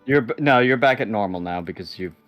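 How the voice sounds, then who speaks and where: A man narrating a tabletop game as game master, halting and restarting his sentences. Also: lowish voice, animated, no room sound, soft background music.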